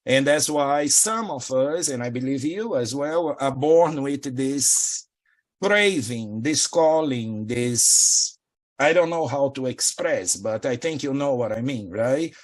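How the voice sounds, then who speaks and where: A middle-aged man from Brazil with a Brazilian Portuguese accent, a spiritual teacher talking in an interview and meandering reflectively with soft laughs. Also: mid-range voice, animated, takes it slowly.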